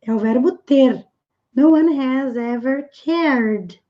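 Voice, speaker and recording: High-voiced, unhurried woman teaching English. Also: muffled recording. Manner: patient, repeats English phrases slowly and clearly. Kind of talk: explaining an English lesson.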